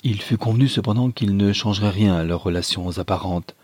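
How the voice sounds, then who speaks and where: A man reads a classic novel aloud at a measured, steady pace. His voice is deep and somewhat husky. The recording is close and dry. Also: dry recording. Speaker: audiobook reader. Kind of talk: scripted narration of a novel.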